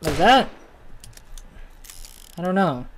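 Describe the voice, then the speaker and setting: Here the same kind of speaker, a young man with a Chinese accent hosting a gaming channel, drifts through casual let's-play talk while playing, often muttering and self-correcting. He sounds high-pitched and sing-song, slow and fairly bright, with a little hiss or hum in the audio.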